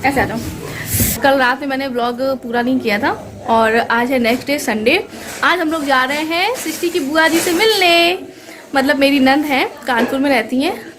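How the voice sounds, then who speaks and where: High-pitched young woman, casual family vlog, chatty and playful, faint hiss behind. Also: normal speed. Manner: chatty, playful with a small child. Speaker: vlogger.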